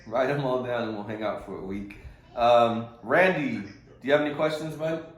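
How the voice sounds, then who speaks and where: Calling people "bro" and "bud," this male coach talks a group through things informally on a conference call. He speaks at normal speed with a medium pitch, and the low-quality audio is drenched in reverb.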